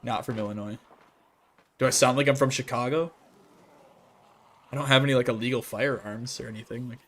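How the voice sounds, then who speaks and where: Brisk and fairly even in intonation, a Midwestern-accented man with a mid-range voice chats casually on a game stream. He reads viewer messages out loud, answers them, and laughs frequently.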